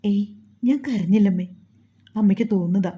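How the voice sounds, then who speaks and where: A woman voicing a young grieving new mother, talking softly with tearful reassurance. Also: mid-range voice, normal speed, breathy edge, lo-fi sound, close to an everyday voice. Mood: reassuring.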